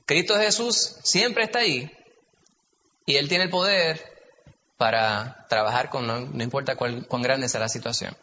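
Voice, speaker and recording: Bright-voiced Puerto Rican man leading Bible study. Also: mid-range voice, a little slow. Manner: chatty, asks the group questions. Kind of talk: conversational Bible teaching. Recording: dull, echoey hall recording, faint hiss.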